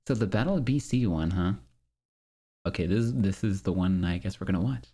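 A man in his thirties streaming from home, chatting casually as he watches old match videos, excitable and quick to cheer and laugh. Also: low voice, husky. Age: 30s. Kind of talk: casual reaction chat.

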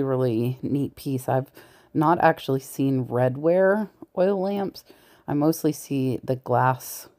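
Her voice is mellow and sits extremely low. In this casual shop-with-me clip, a thrift reseller vlogger browses a large thrift store and talks to viewers, occasionally whispering, all captured POV on a body-worn camera mic.

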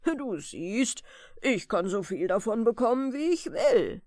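A big, friendly giant rumbles along slowly and loudly in a bedtime storybook, as a woman reads him. His speech is drawn out and booming, with lively swings of pitch, and the recording is dry and close. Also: no echo. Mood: jovial. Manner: slow, drawn-out, booming delivery. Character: big good-natured friendly male giant. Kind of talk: bedtime audiobook reading.

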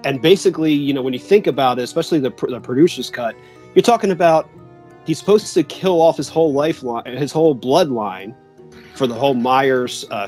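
A relaxed man co-hosting a podcast, talking in an easygoing, agreeable way and filling his pauses with ums and you-knows. He sounds like he is on a video call, with faint music in the background. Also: a little high. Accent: Philadelphia. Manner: laid-back, agreeable, lots of fillers. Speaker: podcast co-host. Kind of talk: casual chat.

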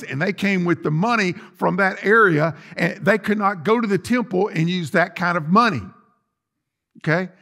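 In an indoor church sanctuary, a middle-aged pastor preaches a sermon, explaining things conversationally and putting questions to his listeners. His voice is fairly high, creaky and fairly bright.

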